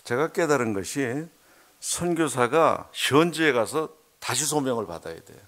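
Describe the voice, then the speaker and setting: A man's voice: medium pitch, lively intonation, normal speed. Middle-aged man preaching a heartfelt testimony. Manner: swings between hushed murmurs and loud emphatic bursts. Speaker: missionary preacher. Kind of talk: emotional testimony sermon. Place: church sanctuary.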